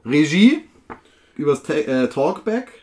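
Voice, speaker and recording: A man's voice: a little high, sing-song, slow pace, a little mellow. Man reading radio play cues. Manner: reads cues aloud, stumbles and restarts. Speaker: narrator and reader of stage directions.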